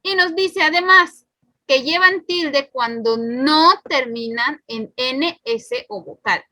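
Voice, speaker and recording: A woman's voice: high voice, takes it slowly, bright, forceful tone, no echo. A woman teacher giving a recorded spelling lesson, patiently explaining each rule step by step and repeating it. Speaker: primary school teacher.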